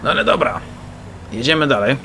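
A man's voice: mid-range voice, expressive, brisk, noisy background. A man giving joking, mock-boastful commentary while playing a game. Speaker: gameplay commentator. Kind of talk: gameplay commentary. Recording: loud game sounds of engines and sirens.

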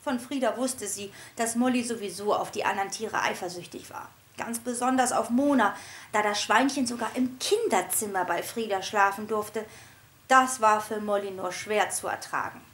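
A woman, the author of a children's book, reading it aloud in an expressive, animated storybook narration. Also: mid-range voice, moderate pace.

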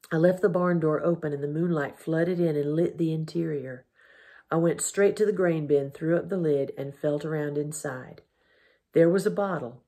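A woman teacher reading a novel aloud to her students in a calm, measured way, with a husky voice. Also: low-pitched. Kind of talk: storybook reading.

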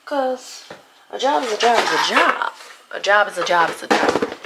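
A woman's voice: medium pitch, expressive, moderate pace, heavy background noise. A woman chatting casually to her viewers as she fixes up a room at home. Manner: chatty, talks straight to viewers. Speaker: home renovation vlogger. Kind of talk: casual vlog chat. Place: at home, indoors.

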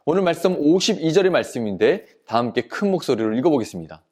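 Man pastor for a kids' sermon, slightly high voice, very expressive storyteller. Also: quick pace. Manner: lively storyteller addressing children as friends. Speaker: children's pastor. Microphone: studio video recording.

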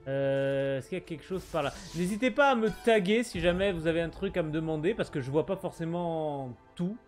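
Light game music plays as a male streamer gives casual let's play commentary, talking with viewers and mutteringly reading on-screen text. His voice sits on the high side, animated and fairly quick.

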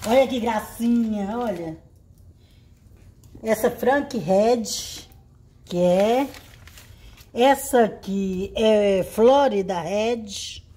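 A woman vlogger chatting casually to her viewers, exclaiming warmly over each gift she unpacks. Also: medium pitch, very slow, long pauses, a little hiss or hum. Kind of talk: casual unboxing chat. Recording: echoey room.

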